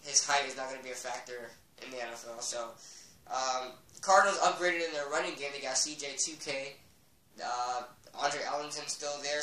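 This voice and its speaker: A sports vlogger with a slight cold, sniffling now and then, gives casual, opinionated football predictions full of ums as he rambles. His voice is fairly high, bright, and forceful, recorded far from the mic in an echoey room with a bit of hiss or hum.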